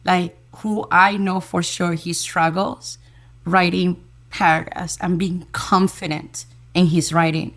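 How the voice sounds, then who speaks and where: A woman elementary school teacher, a guest in an interview, telling a story in a lively, enthusiastic way and repeating words as she goes. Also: on the low side, takes it slowly. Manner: lively storyteller who acts out quoted dialogue.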